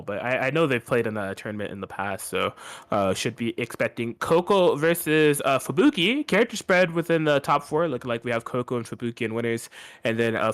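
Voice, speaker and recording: A man's voice: medium pitch, a bit bright. A man doing casual, hyped color commentary on a fighting game tournament, saying "dude" and "like" a lot. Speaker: esports co-commentator.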